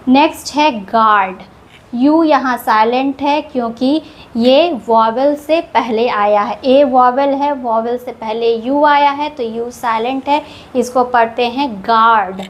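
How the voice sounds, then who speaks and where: Woman teacher, high-pitched and unhurried, patient step-by-step explainer. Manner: explains each rule patiently, repeating words. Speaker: English reading teacher. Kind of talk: slow step-by-step lesson.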